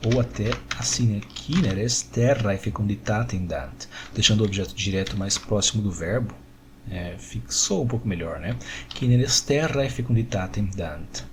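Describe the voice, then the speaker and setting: A man's voice: lowish voice, a little hiss or hum. Patient man teaching Latin grammar. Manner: patient, explanatory, checks in often with "né?" and "tá?". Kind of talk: screen-recorded grammar lesson.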